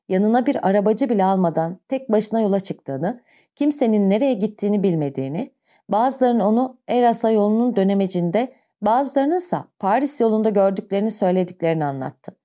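A woman narrating a novel as an audiobook in slow, measured storytelling, on a dull lo-fi recording. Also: mid-range voice, mellow.

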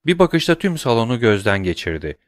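A man reading a dramatic novel aloud in a measured, steady storytelling manner. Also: medium pitch, dry recording, clean studio sound. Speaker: audiobook narrator.

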